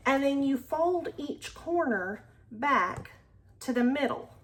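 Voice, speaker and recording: Her voice is high with lively intonation, and she takes it slowly. She's a cross-stitch video host from Alabama, US, chatting with enthusiasm about her projects in a relaxed show-and-tell and now and then nearly whispering.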